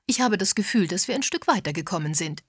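A woman reading an audiobook, voicing a brisk, pushy middle-aged sleuth who speaks bluntly. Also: mid-range voice, animated, breathy edge, dry recording, clean studio sound.

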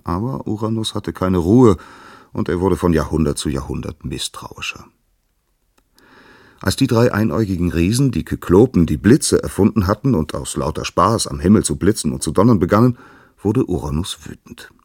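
Husky low-voiced man telling myths. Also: moderate pace, dry recording, studio quality. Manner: dramatic, expressive reading. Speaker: narrator. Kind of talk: storybook narration of myths.

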